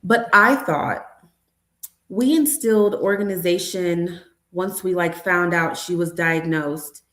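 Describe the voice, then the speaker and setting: A woman's voice: fairly low pitch, slow, a bit bright. A woman in her thirties, a nurse educator and mother, speaking candidly as an interview guest and telling stories with quoted dialogue. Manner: candid, storytelling, acts out dialogue with her daughter. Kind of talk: conversational interview. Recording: echoey room.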